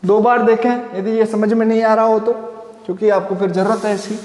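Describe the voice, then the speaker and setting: High-voiced man teaching physics, echoey room. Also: little pitch movement, darkish tone. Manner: asks and answers his own questions; slows to spell out formulas. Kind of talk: classroom lecture. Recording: echoey room with long reverb.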